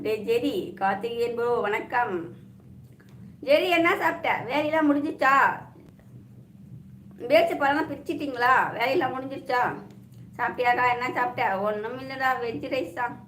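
A woman's voice: sits high, normal speed, pauses often. A woman from hosting a casual live stream, chatty and teasing as she greets viewers by name. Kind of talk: casual live chat reading viewer comments. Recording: echoey room with faint ambient noise.

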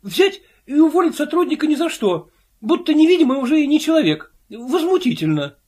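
A man doing a shrill, indignant invisible clerk. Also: lively intonation, moderate pace. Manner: shrill, insistent, pleading.

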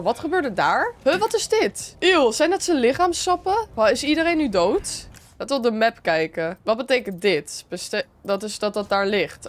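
A young Dutch woman with a fairly high voice talks her way through a video game, chatty and quick to get excited. She keeps addressing her viewers as she plays. A faint hiss sits under her voice. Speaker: gaming streamer. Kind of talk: let's play commentary.

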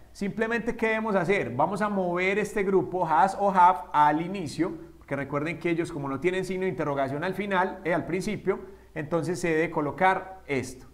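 Spanish-speaking male English tutor, high voice, quizzes his class and answers himself, drills example sentences slowly. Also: a bit bright. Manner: asks the students questions and answers them himself; slows down to spell out English examples. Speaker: English teacher. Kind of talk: whiteboard grammar lesson.

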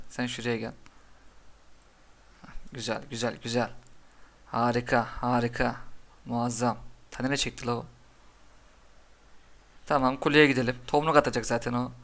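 A young gaming commentator with a medium-pitched voice narrates his own game live. He cheers on his cards and scolds his opponent in quick, excitable bursts.

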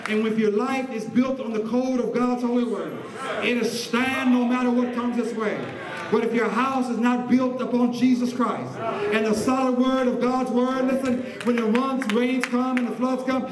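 A male pastor preaching a sermon in a church with a rhythmic, call-and-response delivery that swells loud and sinks low. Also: fairly even intonation, moderate pace, crowd noise. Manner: rhythmic preaching with call-and-response, builds to shouts then drops low and soft. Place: church sanctuary. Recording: roomy church sound from a distance. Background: congregation responding.

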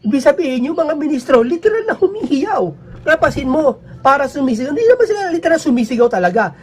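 A man talking casually to his viewers in a rambling, emphatic way, his pitch swinging up and down. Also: lively intonation, quick pace. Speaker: vlogger.

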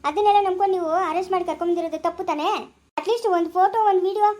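An argumentative young lawyer, played by a woman, in a family skit drama. She fires off pointed questions at speed in a high voice. Her manner is insistent and confident. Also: fairly even intonation, racing, lightly acted. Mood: challenging.

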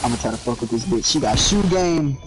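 Lively slangy young man gaming. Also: mid-range voice, fast talker, background noise. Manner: animated, slangy and profane. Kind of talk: casual chat while gaming. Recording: music playing under voice.

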